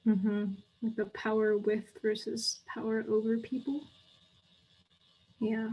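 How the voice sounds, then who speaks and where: Flat-voiced woman moderating an online workshop. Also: fairly high pitch, takes it slowly, muffled recording. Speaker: workshop facilitator. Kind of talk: live online training talk. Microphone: video call.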